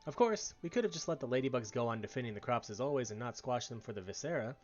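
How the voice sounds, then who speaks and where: A man's voice: mid-range voice, expressive, fast talker, muffled recording, natural voice. A man voicing a pompous game character, a smug crop scientist who lectures about gruesome experiments.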